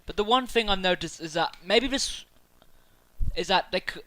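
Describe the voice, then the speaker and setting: A man talking excitedly to camera about a video game, rambling through his theories with many fillers and restarts. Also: high voice, moderate pace, no room sound, poor audio. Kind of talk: casual speculative chat to camera.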